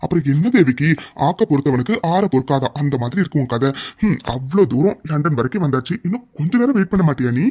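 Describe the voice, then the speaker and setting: A man voicing a calm, soothing middle-aged father in a cartoon. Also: on the high side, fast. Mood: patient. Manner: soothing, patient. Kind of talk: cartoon voice acting.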